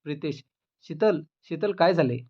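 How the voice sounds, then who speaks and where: A man's voice: fairly high pitch, moderate pace, close to an everyday voice. A man voicing a dazed, frightened young man who asks confused, pleading questions, in a dull lo-fi recording. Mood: bewildered.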